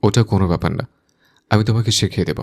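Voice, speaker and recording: A man's voice: lowish voice, fast. A man playing a possessive, hot-tempered young man. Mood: mock friendly. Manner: teeth-gritted, commanding. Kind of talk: audio drama acting.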